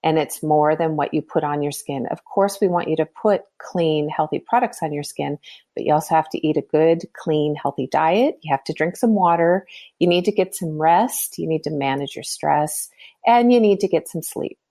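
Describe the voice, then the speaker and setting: This podcast guest, a skincare founder in her fifties, has a low, warm voice and speaks at a normal speed. She explains her views earnestly, with many restarts.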